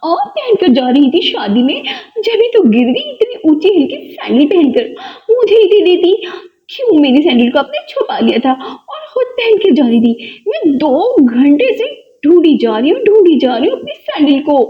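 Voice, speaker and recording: Woman doing doll play-acting: high voice, whiny and pleading, lo-fi recording. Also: big pitch swings, normal speed. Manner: whiny, pleading, near tears. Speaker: doll video creator. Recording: dull lo-fi recording.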